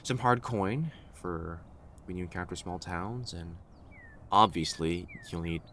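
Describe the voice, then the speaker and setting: A man playing a devoted, fussing servant to royalty in an audio roleplay, speaking in a deferential, fretful, halting way. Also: deep voice, fairly bright tone, a little hiss or hum. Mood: hurried planning.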